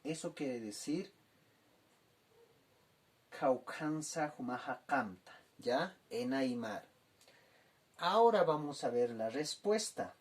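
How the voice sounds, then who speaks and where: A man teaches a language lesson at a slow, unhurried pace. His voice sits at a middling pitch, neither high nor low. He repeats each phrase patiently and keeps checking that the learners follow. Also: expressive.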